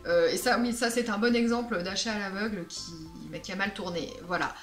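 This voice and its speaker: A woman's voice: medium pitch, a little fast, a bit bright. A woman chatting casually as a perfume vlogger, playful and self-mocking, with many fillers. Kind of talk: casual vlog chat. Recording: echoey room with faint music.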